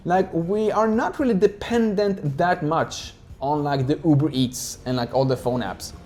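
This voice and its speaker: Mellow-voiced speaker from Sweden, rambling chat. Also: mid-range voice, moderate pace. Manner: rambling, heavy use of "like" fillers. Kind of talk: casual chat.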